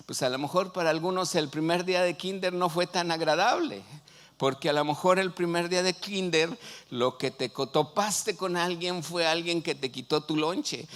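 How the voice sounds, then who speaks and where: A man's voice: on the high side, fairly bright tone. A man, a pastor preaching a sermon who keeps asking the congregation questions. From Mexico. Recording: long hall reverb.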